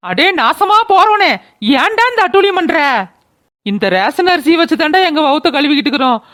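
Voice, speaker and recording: A woman's voice: high voice, lively intonation, fast talker, no room sound, studio quality. A woman voicing a bitter old village mother-in-law who wails and curses, in a cartoon. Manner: wailing, cursing laments. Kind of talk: cartoon voice acting.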